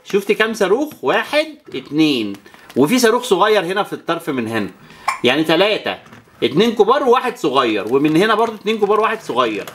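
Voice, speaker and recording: A woman's voice: lowish voice, sing-song, quick pace, a little hiss or hum. A woman with an Egyptian Arabic accent plays with toys next to a child and talks to viewers. She counts aloud and makes whooshing sound effects. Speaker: toy channel presenter. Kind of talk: playing with toys alongside a child and talking to viewers.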